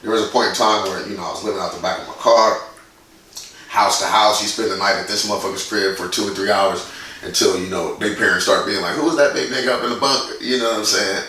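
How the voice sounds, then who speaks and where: A man's voice: lowish voice, steady tone, quick pace, pushed and bright, heavy reverb, recorded from a distance, slight background noise, rough recording. A man in his forties from Indiana, a guest in a casual interview, who tells stories bluntly and swears freely. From Indiana, USA. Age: 40s. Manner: blunt, profane, storytelling. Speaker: guest, graffiti artist.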